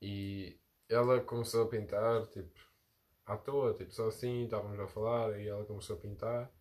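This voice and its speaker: A man's voice: lowish voice, fairly even intonation, moderate pace, darkish tone. A young man, chatting casually and slangily with his friends. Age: young adult. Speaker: participant in a group chat.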